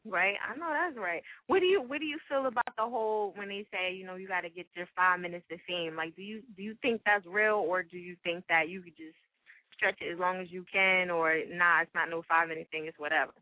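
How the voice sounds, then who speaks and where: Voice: mid-range voice, a little fast, no room sound. Radio host, casual profane slang, call-in show, tinny phone sound. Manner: loose, profane, drawling "y'all" slang.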